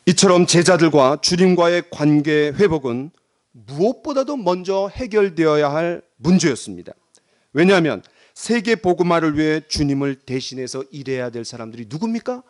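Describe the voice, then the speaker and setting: High, lively-voiced male pastor preaching. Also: moderate pace. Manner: dramatic, acts out voices in quotes. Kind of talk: sermon. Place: church sanctuary.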